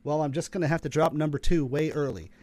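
A man who hosts a podcast, chatting casually and upbeat with quick asides. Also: a little high, a little mellow, dry recording. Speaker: podcast host.

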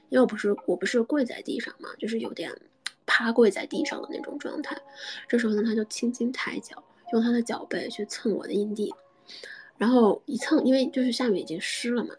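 A woman host telling a personal story in a soft, halting way, often dropping into a whisper. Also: on the high side, rough recording. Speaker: podcast host. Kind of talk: intimate storytelling.

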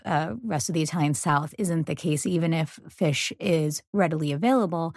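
A woman hosting a podcast talks through ideas thoughtfully, in a slightly low voice. The recording is close and dry, with no room sound. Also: no echo. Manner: thoughtful, explanatory, frequent listening murmurs. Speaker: podcast host. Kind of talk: casual podcast conversation.

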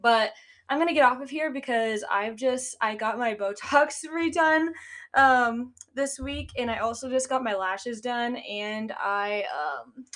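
Her voice fairly high and a bit bright, a young woman speaks at a measured pace while hosting her solo podcast about business ownership. She sounds congested, with a nasal quality, and she leans heavily on "like" and "um."

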